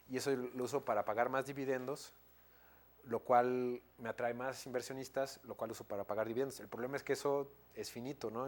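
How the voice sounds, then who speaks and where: A man in his thirties with a Mexican accent giving an academic lecture, hesitant, with many fillers, restarts and tag questions. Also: mid-range voice. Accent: Mexican Spanish.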